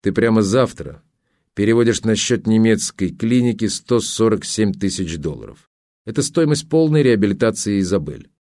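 A man's voice: on the low side, lively intonation, moderate pace, a little mellow, dry recording, studio quality. A man playing a blunt, pressing journalist. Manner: pressing, contemptuous and firm. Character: determined young male journalist, blunt and accusing. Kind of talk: audiobook character voice.

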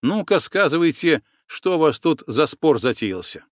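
A man's voice: fairly high pitch, very animated, moderate pace, no room sound, studio quality, pitched above the performer's own voice. A man voicing a bold young female shaman in an audiobook, with a raised, firm, scolding voice. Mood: stern. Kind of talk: audiobook character voice.

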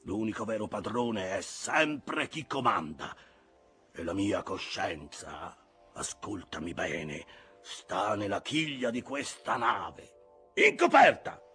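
A man voicing an imperious, obsessed old whaling captain in a theatrical audiobook dramatisation, given to bellowed commands and menacing hushed asides. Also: lowish voice, lively intonation, slow pace, breathy edge, faint music behind, heavily acted. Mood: scornful, menacing. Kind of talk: dramatised audiobook reading of a classic sea novel.

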